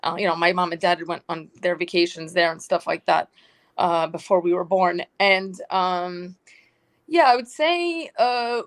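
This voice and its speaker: A young woman from New York chatting as a podcast guest, telling animated stories full of quoted asides. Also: mid-range voice. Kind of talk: casual roundtable chat.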